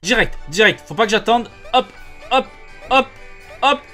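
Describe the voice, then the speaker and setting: A young man giving casual let's-play commentary as a gaming YouTuber, excitable and swearing often as he laughs at his failures. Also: extremely high pitch, a little slow, soft background music.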